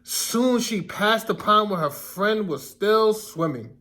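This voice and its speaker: A man's voice: high voice, lively intonation, takes it slowly, bright, forceful tone. A man reading a children's story aloud expressively, explaining words and putting questions to young listeners. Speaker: classroom storybook reader.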